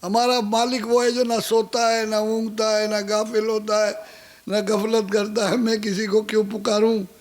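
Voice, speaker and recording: A male preacher telling a sermon story in an animated, scolding way, acting out the characters. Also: sits high, moderate pace.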